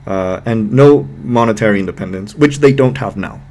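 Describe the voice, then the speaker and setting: A low-voiced man reacting to a political clip with open exasperation. He swears freely and drags out his words to stress each point, sounding fed up and sarcastic. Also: normal speed, a little mellow. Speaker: political commentator. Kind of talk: reaction video commentary.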